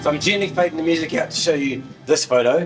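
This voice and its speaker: A man's voice: a little high, fast, music in the background. A middle-aged man with a New Zealand accent gives an informal tech talk in a joking, self-deprecating way, often repeating words. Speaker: software developer giving a talk. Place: indoor meeting room, standing at a laptop beside a screen. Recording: distant room microphone.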